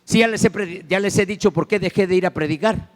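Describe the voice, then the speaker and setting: A man with a Mexican Spanish accent preaching a sermon as pastor, telling a story dramatically and swinging from loud to hushed. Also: high-pitched, quick pace. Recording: long church hall reverb.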